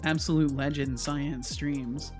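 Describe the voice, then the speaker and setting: A man's voice: fairly high pitch, fairly even intonation, slow pace. A man hosting a casual livestream, thinking aloud as he works and chatting with viewers. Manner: thinks aloud, hums to himself. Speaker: game developer livestream host. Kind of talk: casual livestream chat while coding. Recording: music behind the voice. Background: music.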